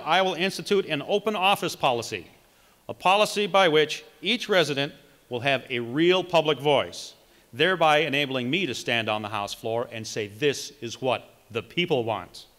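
Middle-aged male candidate, bright and forceful, reading his speech at a podium in a reverberant hall. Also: on the high side. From Wisconsin. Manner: reads from notes, emphatic measured delivery. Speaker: political candidate. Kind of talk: read campaign speech. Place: large conference hall, indoors. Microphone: podium microphone.

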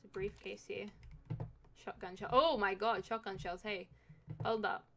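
A woman's voice: medium pitch, steady tone, moderate pace, creaky, a bit bright, slight background noise. A young woman giving casual, jokey commentary while playing a video game, swearing now and then. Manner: chatty, swears, jokey asides. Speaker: game streamer. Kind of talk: casual let's-play commentary.

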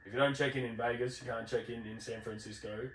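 A man's voice: mid-range voice, steady tone, fast talker. A man with an Australasian accent chatting casually and telling stories in a blokey, slangy, sweary way. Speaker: podcast host. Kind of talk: casual chat, telling travel anecdotes. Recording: roomy, distant mic, faint background noise.

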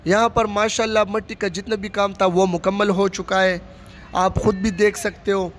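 A man with a high voice narrates a walking tour of a stadium under construction, recorded outdoors on his handheld phone. He keeps up a plain running commentary and repeats his phrases. A faint outdoor ambience runs beneath his voice. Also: little pitch movement, moderate pace, slight background noise. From Pakistan. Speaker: vlogger giving a site tour. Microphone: phone camera held by the speaker.

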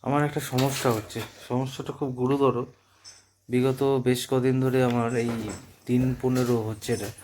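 A man's voice: medium pitch, darkish tone, a little hiss or hum. A man in his thirties chatting casually on a family vlog at home at night, patiently coaching his daughter's pronunciation and talking about his day. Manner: patient, drilling a child on pronunciation, chatty asides. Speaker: vlogger.

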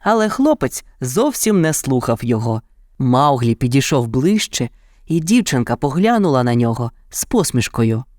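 A man narrating a children's fairy tale in an even, dramatic storytelling manner. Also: medium pitch, normal speed, no echo, studio quality.

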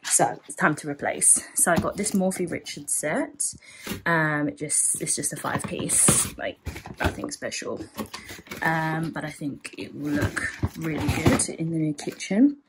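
A home vlogger chats casually in her kitchen, filming on a handheld phone held at arm's length. Her voice is low-pitched and her pace measured, with lots of ums and likes, and heavy background noise. She's a woman.

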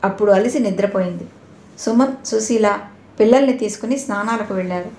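A woman narrating an audio novel in a steady, expressive storytelling manner. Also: mid-range voice, brisk. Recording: roomy echo.

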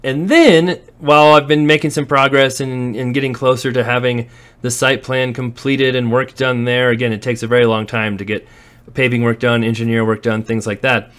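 This landlord and real estate investor narrates a walkthrough vlog on a handheld phone camera, wandering through empty warehouses and outdoors. His medium-pitched voice is a bit bright, with flat delivery at a moderate pace. He keeps it chatty, telling stories and laughing now and then.

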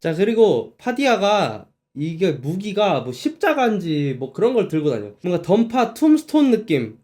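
A man's voice: high-pitched, big pitch swings, normal speed, darkish tone. A man giving casual, chatty reaction commentary on game footage as a streamer.

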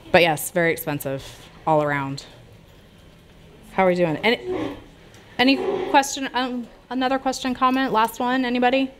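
Fairly low in pitch, this middle-aged US woman speaks conversationally and gestures freely while answering questions at an informal public health talk. She's in a small lounge with brick walls before a seated audience, and slight background noise can be heard.

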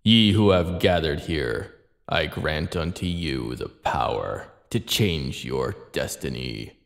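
A man's voice: a bass voice, vocal fry, in a large hall, pitched below the performer's own voice, full character voice. Man voicing a grave ancient spirit. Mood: solemn. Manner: slow and grave. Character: solemn ancient male spirit voice.

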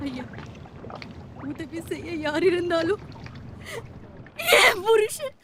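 A woman acting a poor, pleading wife and mother in an emotional radio drama, halting and deferential. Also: very high voice, expressive, background noise, heavily acted. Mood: subdued, grieving. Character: anguished poor fisherman's wife, newly widowed mother.

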